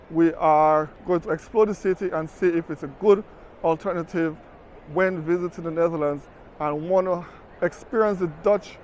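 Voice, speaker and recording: This is a chatty travel vlogger with a highish voice, talking conversationally and sprinkling in "you know" as he walks outdoors along city streets. His camera mic picks up a little hiss or hum.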